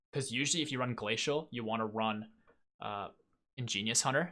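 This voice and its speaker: A young man hosting a gaming channel gives a casual, self-critical post-game review with lots of fillers. His mid-range voice sounds pushed and bright.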